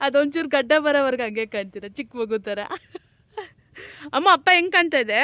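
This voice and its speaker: A woman filming a casual home vlog, talking gently and coaxingly as a mother and chatting to her viewers. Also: sits high, animated, a little fast, clear, resonant tone. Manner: gentle, coaxing, soft-spoken. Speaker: vlogger and mother.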